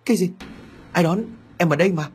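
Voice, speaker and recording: A man's voice: sits high, a little fast, breathy edge, pitched above the performer's own voice. A man voicing a guilt-ridden husband and desperate father who speaks urgently. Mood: frantic. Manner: urgent, distraught.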